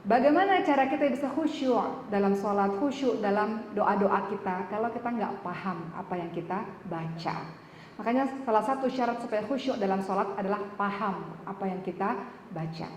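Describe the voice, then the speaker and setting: A woman's voice: mid-range voice, moderate pace, a little hiss or hum. A woman preacher giving a conversational religious lecture to a women's audience, often asking them questions directly. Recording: echoey hall with reverb, faint ambience.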